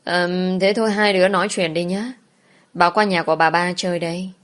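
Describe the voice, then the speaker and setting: A woman voicing an elderly, understanding grandmother who speaks softly and patiently in a storybook tale. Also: on the low side, steady tone, fairly quick, natural voice. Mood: gentle.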